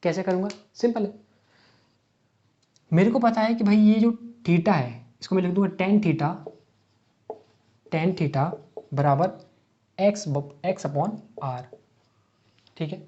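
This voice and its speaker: Man teaching physics, mellow and muffled. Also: high-pitched, slow, long pauses. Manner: asks rhetorical questions and answers them step by step; mixes English math terms into speech. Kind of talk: exam-prep lecture worked on a board. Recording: dull lo-fi sound.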